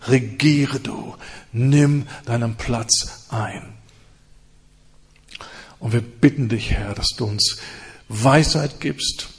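A man preaching and leading prayer with fervor, in repeated rising phrases and hushed stretches. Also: mid-range voice, takes it slowly, gravelly, pauses often, slightly rough. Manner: fervent, repetitive prayer cadence with hushed stretches. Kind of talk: sermon and prayer.

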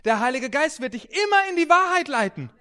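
High-voiced animated preacher. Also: male voice, brisk. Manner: animated, swings between soft and loud, storytelling. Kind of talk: sermon with anecdotes.

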